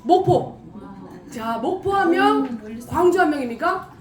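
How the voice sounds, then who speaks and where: A middle-aged woman hosting a camp event, speaking to a large audience in a lively way and laughing often. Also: high voice, measured pace. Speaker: event host. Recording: echoey hall, distant mic, crowd noise.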